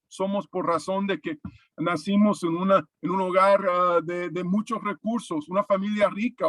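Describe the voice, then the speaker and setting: Earnest high-voiced man preaching. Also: fairly bright tone, no room sound. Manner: questioning, earnest, with many hesitations and repeated words. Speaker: preacher giving a devotional. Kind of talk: devotional talk to camera.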